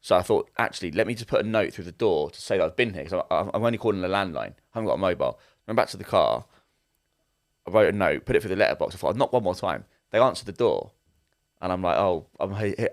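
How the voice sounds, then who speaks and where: Young male podcast co-host, rapid rambling storyteller. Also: deep voice, expressive. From England. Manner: rambling anecdote with many restarts. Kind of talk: casual chat.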